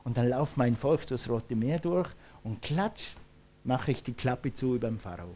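A man voicing God as a calm, cunning planner in a slow, matter-of-fact way during a sermon. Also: medium pitch, slight background noise, voice pushed down, natural voice. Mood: scheming.

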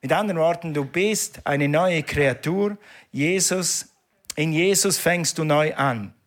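Emphatic male preacher, slightly high voice. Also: unhurried. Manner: emphatic, repetitive call-and-response preaching. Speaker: pastor. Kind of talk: sermon.

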